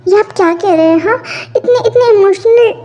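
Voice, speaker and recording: A woman's voice: extremely high pitch, fairly quick, mellow, lo-fi sound. A woman voicing a tearful young bride who pleads with her father and then scolds her new husband, in an amateur fan audio drama. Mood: scolding.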